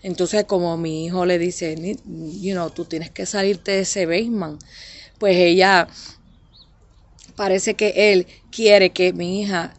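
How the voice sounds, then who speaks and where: A woman's voice: on the low side, fairly even intonation, takes it slowly. Middle-aged puerto rican woman, boricua accent, talks emphatic, tosses in english words. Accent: Puerto Rican Spanish. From Puerto Rico. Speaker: interviewee telling a family story. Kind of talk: emotional personal account.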